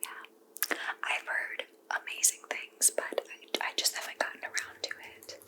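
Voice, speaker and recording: A woman doing a whispered role-play as a helpful librarian, speaking in a soft, gentle library whisper with halting phrasing. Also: rough recording. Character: helpful goth librarian recommending books. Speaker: librarian in a point-of-view roleplay.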